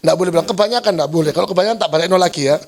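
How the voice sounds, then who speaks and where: Joking Surabaya pastor mid-sermon. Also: male voice, fairly high pitch, rapid-fire, creaky, darkish tone. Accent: Surabaya Javanese-flavored Indonesian. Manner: playful, teasing the congregation, laughs often. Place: church service.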